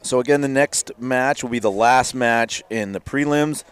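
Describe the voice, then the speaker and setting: A man giving live paintball commentary in a relaxed way, with many fillers and restarts. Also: medium pitch, moderate pace, clean tone.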